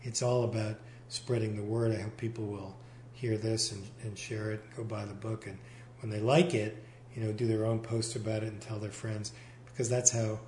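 A male novelist chatting in an interview, meandering and correcting himself, recorded on a single mic in a giant high-ceilinged room with big hall echo. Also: flat delivery, moderate pace, few pauses, darkish tone, slight background noise. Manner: meandering, self-correcting, many fillers. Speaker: novelist guest. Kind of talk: casual interview chat. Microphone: single shared mic in the room.

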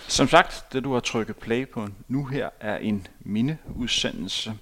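Interviewer, male, gravelly voice, steady questioning in a studio. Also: medium pitch. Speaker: podcast host.

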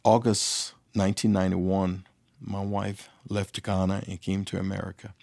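A man telling a personal story as an interview guest, lively and acting out the dialogue. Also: deep voice, normal speed, gravelly, dry recording, studio quality. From Liberia. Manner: animated, acts out dialogue. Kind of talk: anecdotal storytelling.

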